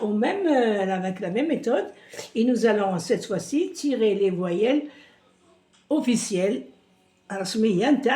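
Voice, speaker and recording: Slow patient woman teacher. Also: mid-range voice, warm tone. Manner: slow, patient, sing-song syllables. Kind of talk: reading lesson for young children. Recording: roomy echo.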